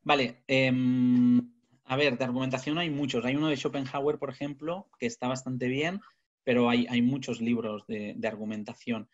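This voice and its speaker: A man leads a business communication webinar from his webcam. He keeps asking rhetorical questions in a lively way. His voice sounds a bit husky, and the audio comes through dull and lo-fi. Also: mid-range voice, normal speed. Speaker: communication trainer. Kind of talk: webinar talk. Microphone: webcam video call.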